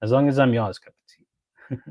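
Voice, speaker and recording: A man's voice: medium pitch, fairly even intonation, a little slow, darkish tone, no room sound. Laid-back man greeting stream viewers. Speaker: livestream host. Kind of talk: casual livestream chat, reading comments.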